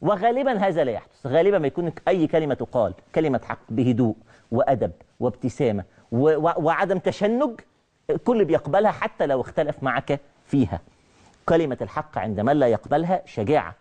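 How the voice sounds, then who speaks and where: In a televised religious talk, a middle-aged man with an Egyptian Arabic accent and a slightly high voice speaks at a quick pace. He is animated, driving home his key phrases through repetition.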